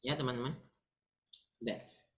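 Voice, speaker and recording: A woman giving a casual online English lesson, chatting to viewers as friends and explaining slowly with examples. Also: rumbling low, steady tone. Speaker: English teacher.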